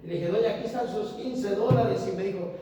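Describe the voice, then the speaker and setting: High-voiced preacher in echoey hall. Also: male voice, a little fast. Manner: animated storytelling, acting out dialogue, laughing at himself. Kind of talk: storytelling sermon. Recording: echoey hall recording from far off with faint noise.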